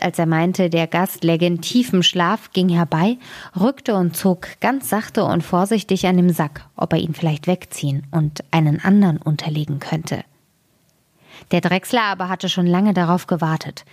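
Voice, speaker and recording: A woman reading a fairy tale aloud as a storyteller, in a gentle, expressive way. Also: on the low side.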